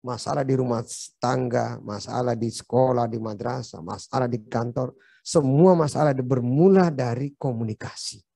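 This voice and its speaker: A man's voice: medium pitch, moderate pace, gravelly, warm tone, breathy edge, dry recording. A man giving a seminar lecture in a hotel meeting room. He talks in a chatty, joking way and keeps turning to the audience with "Pak". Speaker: seminar speaker.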